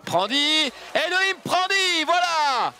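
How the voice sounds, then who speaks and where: A man's voice: extremely high pitch, very animated, takes it slowly, pushed and bright. A man commentating live on a handball match.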